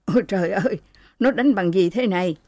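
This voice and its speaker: A protective old mother fussing over her child in an audiobook story, voiced by a woman reader. Her voice is warm and mellow, recorded close and dry. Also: medium pitch, brisk, dry recording, close to an everyday voice. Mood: worried. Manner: worried, fussing.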